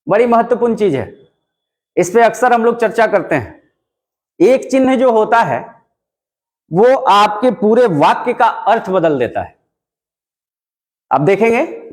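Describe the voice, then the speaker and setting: A man teaching a classroom lesson, explaining step by step and repeating points for emphasis, with a Bihari Hindi accent. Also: high voice. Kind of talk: classroom lecture. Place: classroom with a writing board.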